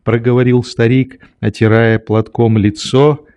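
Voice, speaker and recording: A man narrating a classic novel as an audiobook in a calm, unhurried reading. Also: mid-range voice.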